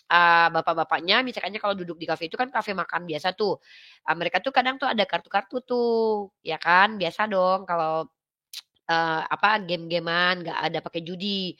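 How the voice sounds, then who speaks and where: Bright, animated woman livestreaming. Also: mid-range voice. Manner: animated, quotes others in acted voices. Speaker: live streamer commenting on religious controversy. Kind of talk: casual livestream talk.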